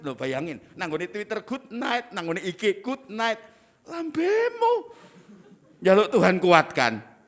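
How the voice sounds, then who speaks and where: A middle-aged man, preaching a sermon as pastor in a lively, teasing manner with asides. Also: extremely high pitch.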